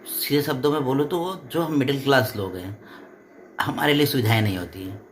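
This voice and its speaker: A man's voice: medium pitch, fairly quick, a little hiss or hum. A man co-hosting a family vlog from his living room, chatting casually and explaining things at length with restarts. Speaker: vlogger, co-host. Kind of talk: casual home chat.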